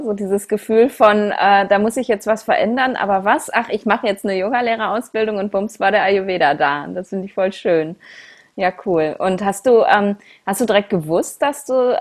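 Effusive woman hosting a casual podcast chat. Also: medium pitch. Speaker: podcast host and interviewer.

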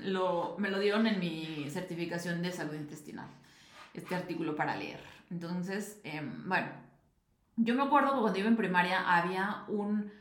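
A woman's voice: mid-range voice, echoey room. A young adult woman, hosting a podcast and chatting casually with lots of fillers. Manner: chatty, animated, many fillers. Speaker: podcast host. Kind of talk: casual nutrition talk.

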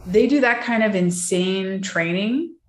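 A woman's voice: mid-range voice, measured pace, roomy sound. A woman wellness and mindset coach, talking casually and reflectively in a podcast interview, with many fillers and restarts.

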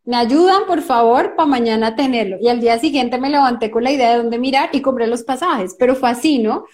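A woman's voice: a little high, a little fast, a little mellow. A woman, hosting a podcast, telling a personal story in a chatty way and quoting her own thoughts. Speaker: podcast host. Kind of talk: casual podcast conversation.

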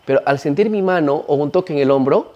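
A man's voice: fairly high pitch, fast talker, dull audio. A man with a Peruvian Spanish accent, an ayahuasca practitioner talking in a casual interview and animatedly acting out the people he describes. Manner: animated storyteller, acts out quoted voices.

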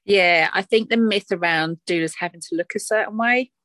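A woman's voice: mid-range voice, normal speed, fairly bright tone, no echo. A woman with an Essex accent in a casual, reflective chat, talking in a chatty, conversational way as an interview guest.

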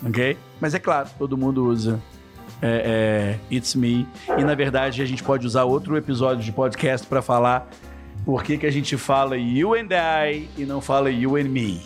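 A man hosting a casual podcast English lesson, acting out example phrases in a lively way. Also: mid-range voice, moderate pace, soft background music. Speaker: English teacher, podcast host.

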